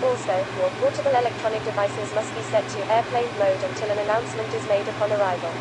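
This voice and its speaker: A woman voicing a polite flight attendant reading scripted cabin announcements in a formal, measured delivery. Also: mid-range voice, fairly even intonation, close to an everyday voice. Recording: loud aircraft engine noise behind.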